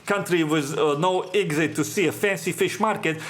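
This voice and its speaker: A man delivers solo monologue commentary in a fairly high voice. His speech is halting and full of "uh" fillers, and he often drops his articles. His tone stays sardonic and pronouncing. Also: fairly bright tone. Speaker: podcast host.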